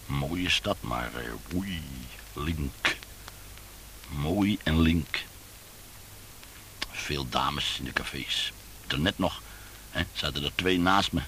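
A man's voice: a bass voice, a bit bright, slight background noise, exaggerated voice, poor audio. A man voicing a rambling, thirsty man of about fifty who mumbles as he talks, in a read-aloud story. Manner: mumbling, wandering talk.

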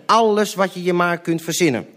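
A man's voice: sits high, fairly quick, fairly bright tone, pitched above the performer's own voice. Smug middle-aged neighbor man, self-assured and lecturing, in a spoken memoir, read by a man.

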